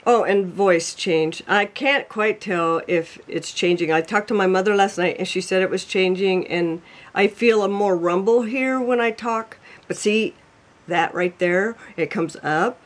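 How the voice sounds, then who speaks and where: Sitting by the fireplace at home, a cooking show host makes relaxed, self-deprecating small talk on a video call, frequently breaking into laughter. His voice sits high and runs a little slow.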